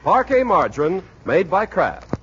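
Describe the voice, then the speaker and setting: A man's voice: high-pitched, big pitch swings, a little slow. A man working as announcer, reading scripted sponsor copy and narration in 1940s radio style. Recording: dull vintage radio recording.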